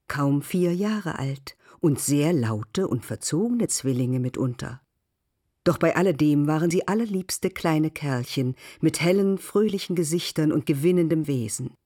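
A narrator giving a measured, softly expressive literary radio reading. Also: mid-range voice.

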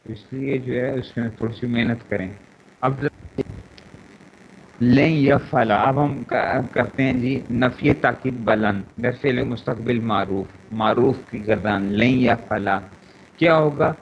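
A man with a Pakistani Urdu accent teaches grammar in an online class, repeating each word and conjugation slowly. His voice comes through a dull, lo-fi chat connection with a faint hiss behind it. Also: medium pitch, fairly even intonation. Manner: repetitive, drilling word pronunciations and conjugations. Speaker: teacher of Arabic morphology. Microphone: internet voice chat room.

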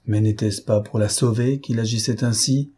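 Husky, dark-voiced male audiobook narrator. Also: lowish voice, steady tone, normal speed. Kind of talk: novel reading.

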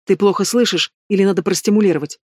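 A menacing, contemptuous bandit boss, read by a man in an audiobook. He mocks and threatens in a fairly high male voice, recorded dry and close with no room sound. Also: fast, a little mellow, dry recording. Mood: commanding. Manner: mocking, low and threatening. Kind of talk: audiobook reading.

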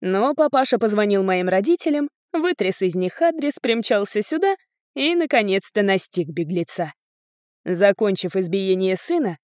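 A woman reading a novel aloud in a calm, detached narrating voice. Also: medium pitch, no echo, clean studio sound. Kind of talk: audiobook narration.

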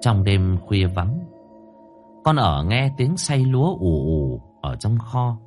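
A man narrating a horror story in an expressive, dramatic way. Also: fairly low pitch, slow, faint music behind.

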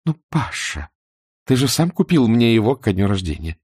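A man's voice: mid-range voice, very animated, moderate pace, a little mellow, slightly rough, dry recording, clean studio sound, voice pushed up. Man doing a pleading, reproachful wife. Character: weary, pleading prosecutor's wife.

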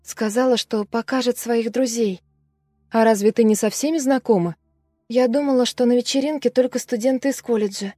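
A woman's voice: fairly high pitch, steady tone, normal speed, warm tone, no echo, clean studio sound, natural voice. A woman voicing a fragile, frightened young girl. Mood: dreamy recollection. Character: frightened young female student recalling a trauma.

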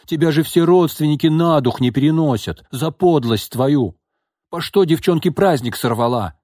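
A man's voice: fairly high pitch, moderate pace, dark tone, dry recording, studio quality, pitched above the performer's own voice, natural voice. A man voicing an old female housekeeper who scolds in blunt, coarse, folksy speech. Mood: scolding.

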